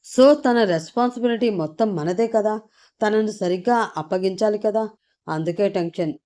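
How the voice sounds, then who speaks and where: A woman voicing an anxious young man who talks in a worried, hurried way. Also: medium pitch, mellow, natural voice.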